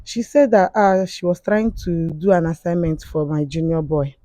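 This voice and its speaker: A woman tells her story in a halting way, stopping often to restart her sentences. Her voice has a mellow, darker tone at a middle pitch. The sound is dry and close. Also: fairly even intonation, no echo. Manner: halting, with frequent fillers and restarts. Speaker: confessing guest. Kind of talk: emotional spoken testimony.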